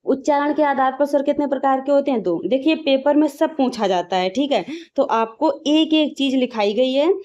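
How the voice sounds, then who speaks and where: A woman's voice: high voice, normal speed, few pauses, darkish tone. A woman teaching grammar for exam prep, checking in with "ठीक है" after points and asking then answering her own questions. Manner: repeats "ठीक है" as a check-in, drills sounds aloud; asks questions and answers them herself. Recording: slightly dull lo-fi audio.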